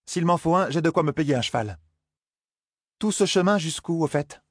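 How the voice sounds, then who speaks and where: A man's voice: fairly high pitch, animated, normal speed, slightly rough, no echo, studio quality, voice pushed up. A man voicing a defiant young woman. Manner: sharp, challenging questions. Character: young woman, bold, defiant, quick-tongued.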